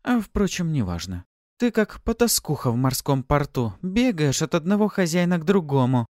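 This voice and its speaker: A man's voice: on the high side, sing-song, normal speed, a little mellow, no room sound, clean studio sound, voice pushed up. A man doing a sly teasing succubus. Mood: mocking. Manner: mocking, playful, purring. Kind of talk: audiobook character voice.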